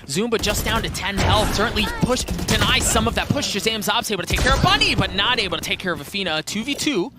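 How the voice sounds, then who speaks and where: Animated male esports caster, swinging pitch. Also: quick pace, hardly any pauses, over loud music. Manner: excitable, emphatic play-by-play calls with rhetorical check-ins. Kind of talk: live esports match commentary.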